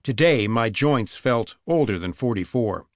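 A man narrating a mystery audiobook in the first person, with vivid, expressive storytelling. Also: medium pitch, a little slow, no room sound, clean studio sound.

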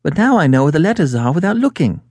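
A man voicing a nervous, chatty, good-humoured young Englishwoman client in a storybook, gushing on in excitable run-on sentences. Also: a little high, quick pace, no echo, clean studio sound, voice pushed up. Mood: startled.

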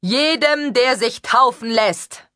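A woman reading an audiobook voices a stern male Dominican monk, proclaiming loudly and slowly. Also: a little high, dry recording, studio quality, pitched above the performer's own voice. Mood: commanding. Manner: loud, slow, proclaiming.

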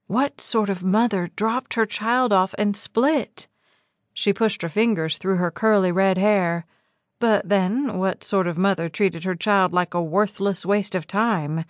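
A woman's voice: mid-range voice, a little slow, no echo. Woman narrating a romance audiobook. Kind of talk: scripted narration. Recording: dry close studio sound.

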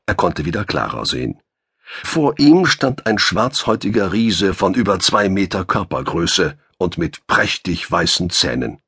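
A man narrating a sci-fi audiobook in measured storytelling, with a gravelly, husky voice close on a studio mic. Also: sits low, very animated, sharp tone, dry recording.

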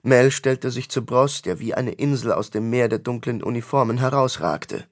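A man narrating a fantasy audiobook in a measured, dramatic storytelling manner. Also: medium pitch.

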